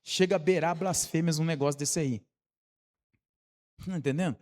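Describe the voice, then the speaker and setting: A fairly high-pitched Brazilian man preaches a sermon in a church hall. His voice trails off into a long reverb. He swings between emphatic raised lines and slow, hushed ones, repeating rhetorical questions to the congregation. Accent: Brazilian Portuguese. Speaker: pastor.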